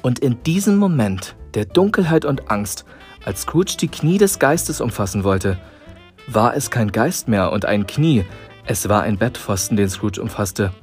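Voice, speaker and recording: A man reading a storybook aloud to listeners in a calm, measured way. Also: lowish voice, faint music behind. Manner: calm, measured narration with dramatic pauses.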